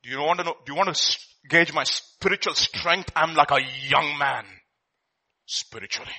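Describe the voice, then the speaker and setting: Male preacher, middle-aged, Indian accent. High, sharp voice, emphatic and repetitive sermon delivery. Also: moderate pace, creaky, slightly rough. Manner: emphatic, rhetorical questions and repetition. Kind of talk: impassioned sermon with scripture quotes and questions to congregation.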